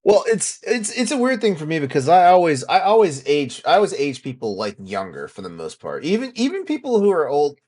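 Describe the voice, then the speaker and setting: A man in his forties hosting a casual podcast chat, animated and often restarting his sentences. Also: on the high side, a little fast, few pauses. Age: 40s. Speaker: podcast host.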